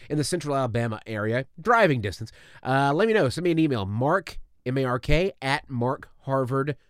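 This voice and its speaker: In a studio-quality recording with no echo, a man with a slightly high voice hosts a casual podcast monologue. His voice is a little strained from allergies, and he talks in an upbeat, chatty, rambling way.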